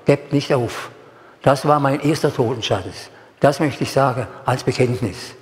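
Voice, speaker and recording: An older man from Germany preaching a sermon and giving personal testimony, speaking slowly and solemnly and repeating words for emphasis. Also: mid-range voice, a little hiss or hum. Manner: slow, solemn delivery. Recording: echoey hall, long reverb.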